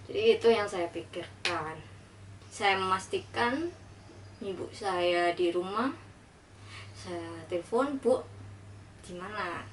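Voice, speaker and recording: A woman's voice: medium pitch, slow pace, pauses often. A young woman tells a personal story in an earnest, reflective voice. She sits a little way from the mic, and there is a faint hiss behind her. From Indonesia. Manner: earnest, reflective retelling, acting out dialogue. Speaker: vlogger. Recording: slightly distant mic with faint noise.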